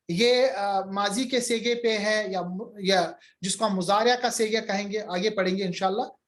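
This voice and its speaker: High-voiced man teaching grammar patiently. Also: a bit bright. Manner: patient, repeats examples, answers student questions. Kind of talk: online grammar lecture.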